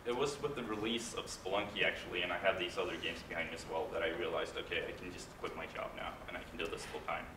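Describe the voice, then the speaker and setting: A man giving a casual conference talk, halting and hesitant with frequent restarts. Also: low-pitched, steady tone. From Norway. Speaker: conference speaker, game composer. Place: large conference hall. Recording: echoey hall, distant mic, room noise.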